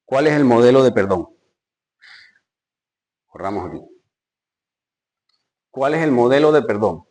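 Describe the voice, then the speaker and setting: A man's voice: medium pitch, animated, unhurried, darkish tone. A man preaching a Bible study sermon, emphatic, asking rhetorical questions and rising sharply when he reads scripture. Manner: addresses listeners directly, rhetorical questions.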